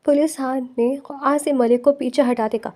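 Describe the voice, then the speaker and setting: A woman reads a romance novel aloud in a steady storytelling manner. Her voice sits high, but its tone is dark and mellow. It is scripted narration.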